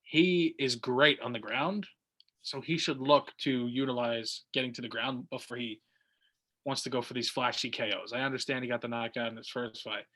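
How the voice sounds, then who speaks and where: A man's voice: medium pitch, fairly even intonation, normal speed, fairly bright tone. A man co-hosting a fight podcast in casual chat, rambling with fillers and restarts. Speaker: podcast co-host.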